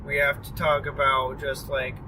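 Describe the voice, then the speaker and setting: A man's voice: mid-range voice, completely flat delivery, normal speed. A tired young man rambling through a casual driving vlog, full of fillers and apologies. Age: young adult. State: tired and yawning. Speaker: vlogger. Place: inside a moving car. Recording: distant mic with clear road noise.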